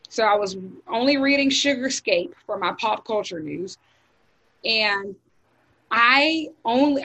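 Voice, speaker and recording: A young American woman chatting casually on a podcast. She talks in long, loose runs packed with fillers and restarts, and her voice sits at a middle pitch. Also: a bit bright, low-quality recording. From United States. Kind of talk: casual group chat.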